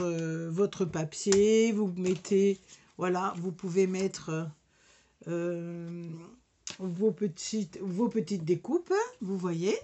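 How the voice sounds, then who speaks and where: A woman with a regional French accent and a medium-pitched, slightly mellow voice demonstrates a sticker machine, slight background noise behind her. As a crafting demonstrator, she sounds casual and hesitant, stumbling through fillers and restarts.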